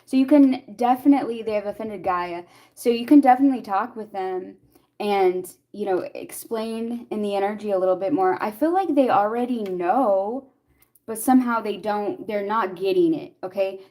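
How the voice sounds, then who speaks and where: A woman's voice: mid-range voice, normal speed, warm tone. A young woman doing a casual tarot reading and chatting with viewers, laughing often and reacting to their comments. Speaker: tarot reader.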